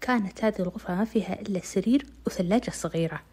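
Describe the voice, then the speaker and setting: A woman's voice: mid-range voice, rapid-fire, darkish tone, breathy edge. A woman narrating a dramatic first-person story in an intimate way, slipping into whispers. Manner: intimate, dips into whispers at tense moments.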